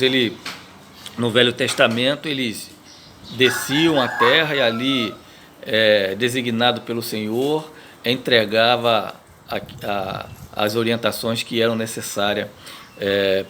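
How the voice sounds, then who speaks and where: A man with a Brazilian Portuguese accent and a medium-pitched voice, speaking as a pastor in a daily Bible reading commentary. He talks haltingly, often restarting a phrase and tagging his sentences with little questions. A faint background noise sits under his voice. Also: a bit bright. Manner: halting, many fillers and restarts, frequent tag questions.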